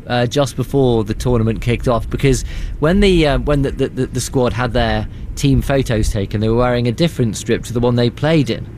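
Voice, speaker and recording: A man presenting a radio news programme, briskly questioning a reporter. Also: medium pitch, darkish tone, a little hiss or hum. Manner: brisk, hesitant with fillers.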